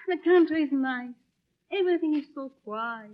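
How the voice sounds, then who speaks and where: A woman's voice: sits high, very animated, slow, dull audio, heavily acted. An actress playing a feisty, fussy young woman, teasing and blunt in an old film comedy style. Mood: airy, sardonic. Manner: theatrical, blunt, teasing, complaining.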